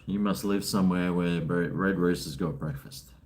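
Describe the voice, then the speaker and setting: Laid-back Australian bloke chatting. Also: male voice, sits low, moderate pace, darkish tone, slight background noise. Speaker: live streamer. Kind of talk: casual live stream chat, responding to viewers.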